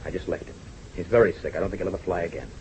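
An actor playing a serious airline owner in a 1940s radio drama, speaking in a low, grave, insistent way, heard as an old radio broadcast. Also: male voice, very fast, a little mellow, a little hiss or hum, poor audio. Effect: old radio broadcast sound.

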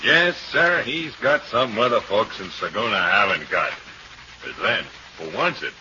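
An actor playing a belligerent, jealous husband, mocking and spoiling for a fight, in 1940s radio drama style. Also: male voice, lowish voice, lively intonation, moderate pace, sharp tone, slight background noise. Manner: mocking, aggressive. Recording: muffled old radio recording.

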